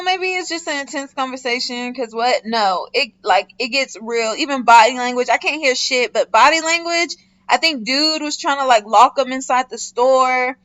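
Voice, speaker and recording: A young woman vlogger telling a casual storytime, animated and slangy, swearing often and talking straight to her viewers. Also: high-pitched. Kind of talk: casual storytime while doing a wig install.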